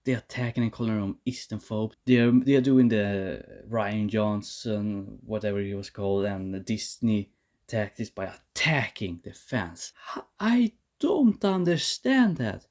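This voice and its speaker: A man's voice: fairly low pitch, little pitch movement, a little slow, a little mellow. A man giving a heated, profane rant to camera as a vlogger, often restarting and repeating words. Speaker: vlogger reviewing a series.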